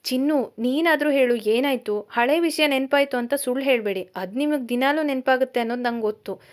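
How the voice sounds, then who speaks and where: A brooding young man, as a woman reads him in a storybook tale, curt and impatient. His questions come out quick and pressing, a little high and lively. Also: lightly acted.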